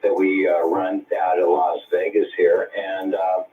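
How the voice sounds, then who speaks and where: A man running an amateur radio net, reading call signs phonetically in a relaxed, halting way, heard over a radio link with static. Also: deep voice, far from the mic, narrow, tinny audio. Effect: heard over a shortwave radio link with static. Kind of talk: ham radio net conversation.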